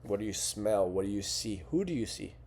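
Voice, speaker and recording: Low, mellow-voiced man coaching. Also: lively intonation, a little fast, husky. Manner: earnest, conversational, with fillers and rhetorical "right?". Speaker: fitness coach. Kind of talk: coaching talk to camera.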